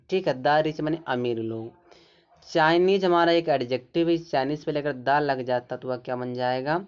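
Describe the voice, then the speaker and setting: A man teaching a grammar lesson with a smooth, resonant voice. He walks through each point slowly and asks himself questions before answering them. The recording sounds somewhat dull and lo-fi. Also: a little high, darkish tone. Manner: explains step by step, asking and answering his own questions. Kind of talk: explaining a grammar lesson in Hindi.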